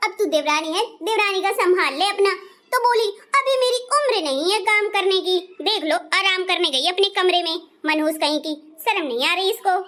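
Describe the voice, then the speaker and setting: Woman playing a loud old mother-in-law, scolds and shouts, very high bright voice, comedy skit. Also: animated, moderate pace, heavily acted. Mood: angry. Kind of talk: comic family skit.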